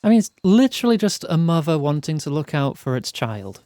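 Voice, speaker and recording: A man's voice: a little high, very animated, warm tone, no room sound, studio quality. Man narrating a fantasy game. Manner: measured storytelling narration. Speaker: streamer. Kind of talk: reading game text aloud and chatting.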